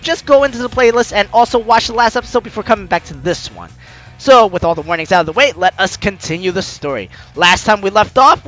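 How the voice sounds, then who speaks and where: Reading a game's story aloud between jokey, teasing remarks, a let's player speaks in a medium-pitched, slightly bright voice. Game music runs behind the commentary and narration.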